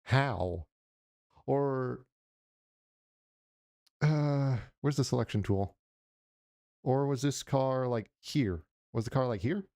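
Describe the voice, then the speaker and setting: A man's voice: medium pitch, takes it slowly, pauses often, dark tone, no room sound, clean studio sound. A man giving casual reaction commentary, rambling and joking while mimicking noises. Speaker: reaction channel host.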